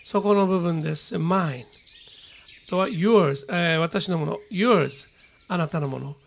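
Male English teacher, Japanese accent, high gravelly voice, patient radio-style lesson. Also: a little hiss or hum. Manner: explains patiently, slow deliberate model readings.

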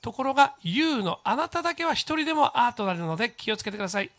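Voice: mid-range voice, very animated, fairly bright tone. Patient teacher drilling English phrases. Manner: slow, drawn-out English model phrases for students to repeat; patient step-by-step explaining with many fillers. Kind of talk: recorded English grammar lesson for junior high students.

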